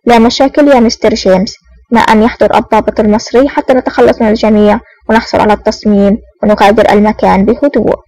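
A woman's voice: fairly high pitch, fairly even intonation, fast, darkish tone, poor audio. A woman voicing a cruel, sneering older male villain agent in an audiobook, threatening and blunt. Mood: menacing.

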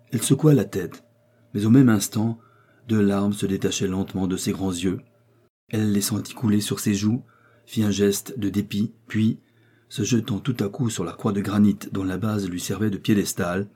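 A man narrating a classic novel in the first person, reading in a measured, descriptive way. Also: on the low side, mellow, slightly rough. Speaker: audiobook narrator.

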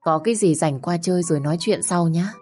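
Meek put-upon wife as a woman reads her, soft and gentle, low, faint music. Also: quick pace, lightly acted. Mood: soft pleading. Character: meek long-suffering wife in her forties.

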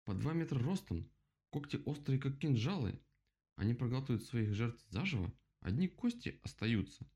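A man voicing a loud, boastful, easily frightened male rabbit in a children's storybook, shrill and excitable. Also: normal speed. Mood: scared.

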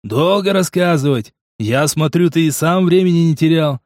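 A sarcastic, gruff mercenary partner in an audiobook, a man putting him on. He talks in a fairly high voice, bluntly and mockingly, recorded close with no room sound. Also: moderate pace, a little mellow, no room sound, close to an everyday voice.

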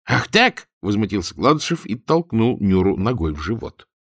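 A man narrating humorous prose as an audiobook reader, telling it with expressive irony. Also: on the low side, brisk, no echo, studio quality. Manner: expressive, ironic storytelling.

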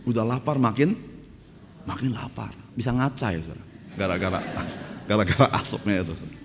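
A man's voice: on the low side, fairly quick. A male pastor, preaching a sermon through humorous stories and asking the congregation "right, brothers and sisters?". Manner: grows louder and more fervent in preaching. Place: church hall. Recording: church hall reverb, faint background noise.

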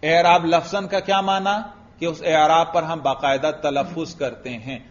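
Higher-voiced man teaching in a lecture. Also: steady tone. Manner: asks students questions and answers them himself; chants Arabic example phrases slowly. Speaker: religious teacher lecturing on Arabic grammar. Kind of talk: classroom lecture. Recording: dull lo-fi recording.

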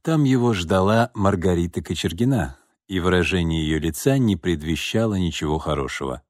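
A man narrating an audiobook novel with an expressive, animated reading. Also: low-pitched, normal speed, no room sound, studio quality. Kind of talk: scripted narration.

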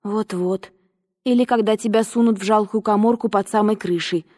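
A blunt young housemaid who grumbles in a plain-spoken way, as a woman puts her on. Her tone is mellow and a little lower than the narration, and a long reverb rings behind her. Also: lively intonation, moderate pace, studio quality, natural voice. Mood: grumbling.

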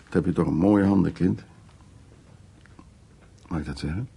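A man acts the part of a flirtatious, worldly art restorer of middle age, self-assured and speaking in brief, easygoing, familiar phrases for a naturalistic radio drama. His voice is low, creaky and warm, set against slight background noise. He sounds intimate and musing.

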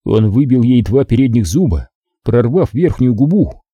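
A male narrator reads a thriller audiobook in a very dark, husky voice. His delivery is measured and dramatic, and his pitch moves lively through each sentence. He is recorded on a dry, close mic. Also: no room sound, muffled recording.

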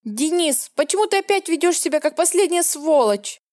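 A woman voicing a naive young woman in an audiobook, pleading in a shrill, raised voice. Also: animated, moderate pace, a little mellow, dry recording, studio quality. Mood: desperate pleading.

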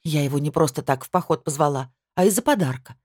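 A woman's voice: deep voice, animated, quick pace, a little mellow, breathy edge, no echo, studio quality. Woman reading as a heated, indignant bride. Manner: complaining, heated. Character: aggrieved young woman, indignant engaged bride. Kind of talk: audiobook character reading.

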